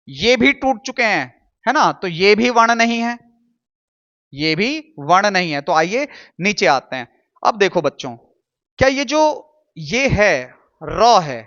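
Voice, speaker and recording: Patient Hindi teacher spelling out syllables. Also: male voice, high-pitched, a bit bright, lo-fi sound. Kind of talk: classroom lesson.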